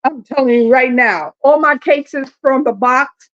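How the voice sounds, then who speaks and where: A woman's voice: high-pitched, normal speed, a bit bright. A woman, talking casually to viewers in her home kitchen and complaining with dramatic exasperation. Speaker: home cooking vlogger. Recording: dull lo-fi audio.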